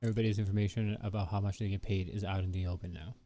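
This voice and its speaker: A man's voice: low-pitched, racing. A man casually chatting with viewers while drawing on a live stream, rambling with lots of fillers. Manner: relaxed, rambling, many fillers like "you know" and "like". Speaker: livestreaming artist. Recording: soft background music.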